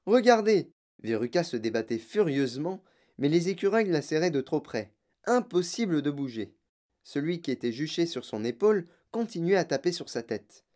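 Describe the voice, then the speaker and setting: A woman narrating a children's novel in an expressive storytelling way. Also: sits low, normal speed. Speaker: reader.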